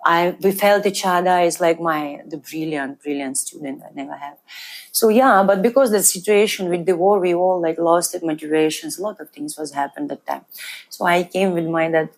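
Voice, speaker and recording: Low-voiced Ukrainian woman, gravelly. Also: normal speed. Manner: broken English, lively, animated storytelling. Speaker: guest musician and DJ. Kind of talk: casual interview. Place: studio.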